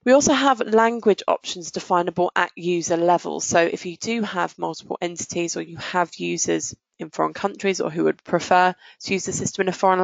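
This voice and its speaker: Giving a live software demo, a woman with a lowish, gravelly voice explains the process one step at a time in an informal business register. The audio is dull and has no echo.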